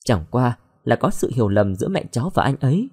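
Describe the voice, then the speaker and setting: A man voicing a gentle, heartbroken young woman in an audio story, pleading through tears. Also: mid-range voice, sing-song, quick pace, slightly rough. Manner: pleading, tearful.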